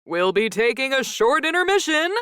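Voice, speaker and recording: A woman voicing a male arena announcer with a loud, booming delivery. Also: very animated, moderate pace, clean tone, no echo, clean studio sound. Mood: announcing.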